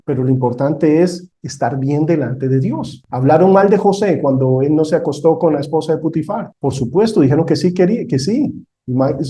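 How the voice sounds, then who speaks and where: A middle-aged man leads a discipleship class. His voice sits a little high yet sounds warm and mellow. He talks conversationally and often checks in with his listeners. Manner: conversational, tells personal stories, asks the class questions. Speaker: Bible teacher.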